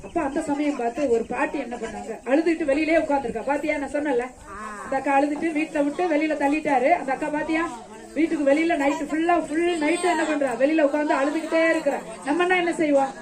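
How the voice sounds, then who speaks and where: High-voiced woman telling children a Bible story. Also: steady tone, quick pace. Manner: keeps asking the children questions and answering them; coaxing and affectionate with the children. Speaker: children's ministry teacher. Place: outdoors during rain. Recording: children's chatter all around. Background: a group of children.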